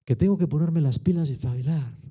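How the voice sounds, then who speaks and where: A man's voice: fairly high pitch, quick pace, mellow, husky. A man in his sixties with a Spanish accent preaching a sermon in a colloquial, emphatic way, full of rhetorical tags. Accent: Spain Spanish. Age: 60s.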